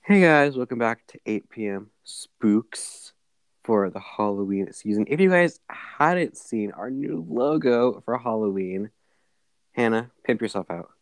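A woman's voice: rumbling low, expressive, unhurried, no echo. Teenage girl, podcast host, bubbly, slangy, laughs a lot, dry close mic. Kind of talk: casual chat.

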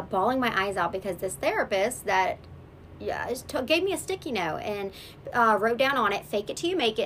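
A woman sharing a heartfelt faith testimony as a guest, halting and restarting as she speaks. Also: medium pitch, fairly bright tone, a little hiss or hum. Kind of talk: emotional personal testimony.

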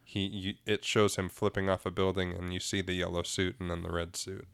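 A man casually co-hosting a podcast, explaining comic history in a relaxed, talkative way. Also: sits low, brisk, vocal fry, smooth, no room sound. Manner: relaxed, explanatory, laughs easily. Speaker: podcast co-host. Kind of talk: casual chat about comics.

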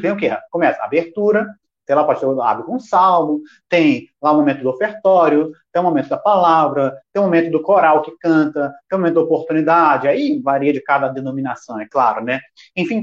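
A man teaches on a live stream, and his pitch swings widely as he talks. He talks straight to the chat and fires questions at himself before answering them. The sound is dull and lo-fi. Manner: talks directly to chat viewers. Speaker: worship music teacher.

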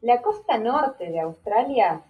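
A woman's voice: fairly high pitch, expressive, takes it slowly, phone-quality sound, faint music behind. A woman with an Argentine accent from Córdoba, chatting and presenting playfully as a radio co-host. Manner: conversational, playful, addresses co-host directly. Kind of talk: casual radio chat and presenting.

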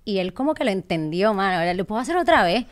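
In a relaxed conversation, a guest in her thirties from Puerto Rico recounts a story, her mid-range voice moving at a quick pace with a Puerto Rican accent. She is lively, laughs a lot, and performs the quotes of the people involved.

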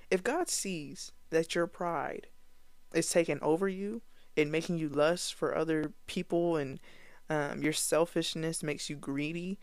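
A woman talks through a Bible lesson in an unhurried, deliberate way. Her voice sits fairly low, and she stays earnest and conversational, restarting her sentences now and then. The sound is close and dry, with no room around it. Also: darkish tone, no echo. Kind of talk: casual Bible teaching to camera.

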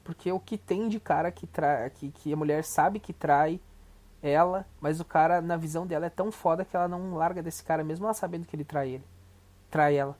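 A man's voice: fairly high pitch, fairly even intonation, fairly quick, a little mellow. Profane rambling Brazilian man. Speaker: podcast host. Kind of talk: casual reaction commentary.

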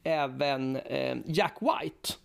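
A man's voice: medium pitch, vocal fry, clean tone. A man co-hosting a podcast, chatting casually about a film and rattling off long lists of names, correcting himself as he goes. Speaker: podcast co-host.

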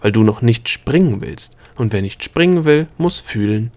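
A man's voice: fairly low pitch, animated, moderate pace, darkish tone. A man doing a snappish know-it-all gnome. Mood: biting. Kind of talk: audiobook reading.

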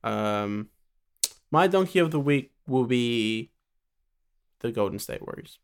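A young man with a medium-pitched voice, talking as a podcast co-host. His delivery is casual sports banter, full of slang and teasing jokes. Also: expressive, slow pace, smooth.

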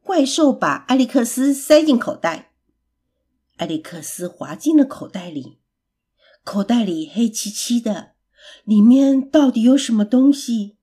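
A woman reading a children's story aloud in a gentle, expressive, unhurried way. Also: on the high side, breathy edge.

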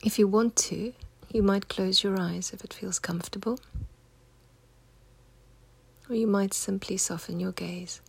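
Speaking in a mid-range voice with a steady tone, a woman leads a guided meditation. Her delivery is soft, husky and close to a whisper as she offers calm, unhurried, gentle instructions.

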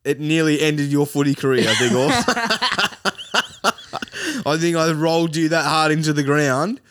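A man's voice: on the high side, measured pace, a bit bright, a little hiss or hum. An Australian man chatting casually in a laid-back, blokey way full of slang. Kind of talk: casual chat.

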